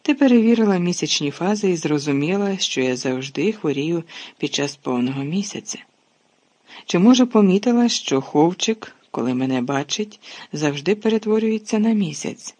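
Narrator reading a calm tired teacher guy, measured, kinda husky. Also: mid-range voice, natural voice. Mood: cold. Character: calm weary adult male teacher.

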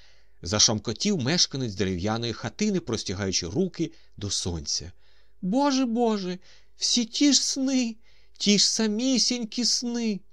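An audiobook narrator with a voice on the low side tells a story expressively in scripted narration. The studio-quality recording has no room sound.

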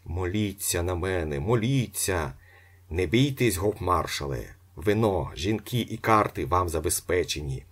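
A man voicing a brash, boastful young swindler in an audiobook, with a husky voice. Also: deep voice, lively intonation, a little slow, heavily acted. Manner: brash, commanding, theatrical. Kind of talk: audiobook character voice.

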